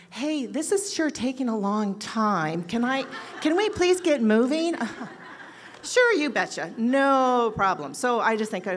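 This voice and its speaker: A fairly high-voiced woman in her sixties tells a story to a crowd. She is a nurse with an animated delivery and acts out each quoted line with big leaps in pitch and loudness. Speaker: oncology nurse. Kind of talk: storytelling to an audience.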